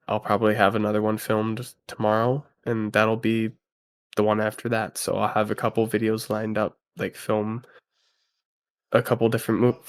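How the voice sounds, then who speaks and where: A sick man with a congested, nasal voice talks in a low, subdued register. He chats casually as a guest reviewer, stopping and restarting around fillers. The sound is dry and close, with no room around it. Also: no echo. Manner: low, quiet, halting with many fillers.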